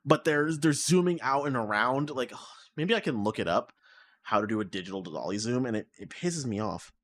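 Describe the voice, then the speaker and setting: Medium in pitch and a bit bright, this man's voice moves at a moderate pace. He's a podcast co-host in casual chat, ranting with exasperation and rambling through plenty of fillers, picked up by his mic on an online call.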